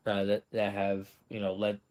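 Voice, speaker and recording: A man narrating a tabletop role-play as game master, halting with many fillers and restarts. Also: fairly low pitch, completely flat delivery, a little mellow.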